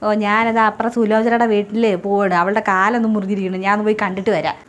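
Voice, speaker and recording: A woman's voice: medium pitch, flat delivery, fast, lightly acted. A woman playing a dramatic, bossy older mother-in-law in a comedy sketch. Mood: dismissive. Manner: dramatic, scolding and gushing by turns.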